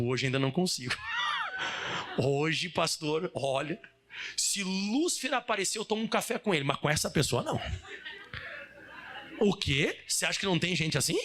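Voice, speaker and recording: A male pastor preaching in a high, bright voice that swings widely in pitch. He talks animatedly, acting out little scenes and building to fervent, emphatic prayer. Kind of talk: lively sermon.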